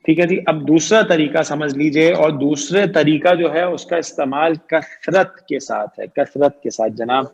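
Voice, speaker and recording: A man's voice: a little high, creaky, few pauses, rough recording. A man teaching Arabic grammar in an online lecture. He stretches out key terms and keeps quizzing his students. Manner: repeats "ٹھیک ہے جی" and "صحیح ہے جی" often.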